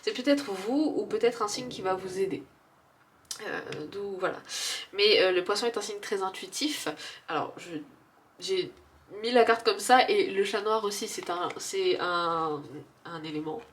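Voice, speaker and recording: A woman's voice: mid-range voice, a little slow. Chatty French woman reading tarot. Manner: chatty, hesitant, many fillers, laughs often. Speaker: tarot card reader. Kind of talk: casual spoken tarot reading.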